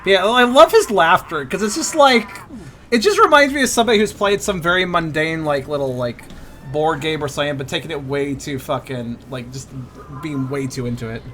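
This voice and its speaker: A man's voice: a little high, animated, brisk, pushed and bright, slight background noise. A man chatting casually and informally, with some swearing, while playing an online game with friends. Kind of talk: casual chat while gaming.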